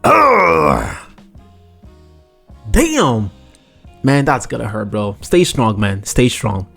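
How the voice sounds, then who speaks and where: A young man hosting a casual chat, reacting to rejection stories in an animated, exclaiming, slangy way. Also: fairly low pitch, normal speed, creaky, soft background music.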